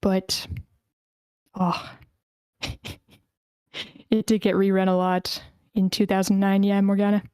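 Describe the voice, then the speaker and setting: Hosting a casual online screenplay table read, this woman speaks slowly in a mid-range voice and pauses often. Her delivery is smooth, clear and mellow, a bit hesitant and accommodating with the people taking part. It's recorded dry and close on a close microphone over an online voice call, with no echo.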